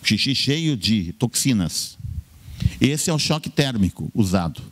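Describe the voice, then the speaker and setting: A man's voice: medium pitch, very animated, measured pace. A man, a doctor, giving a health talk in an emphatic way, listing points in short bursts and repeating key words. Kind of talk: lecture-style health talk.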